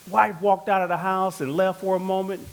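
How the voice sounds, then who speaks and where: A man preaching a sermon in church, calling questions out to the congregation and telling stories. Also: high voice. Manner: preaching with calls to the congregation, storytelling. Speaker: pastor.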